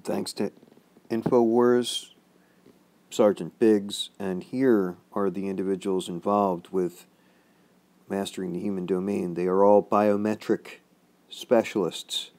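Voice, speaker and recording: A man with a deep, dark, mellow voice gives activist commentary. He lists items emphatically, in short declarative phrases. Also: flat delivery, takes it slowly.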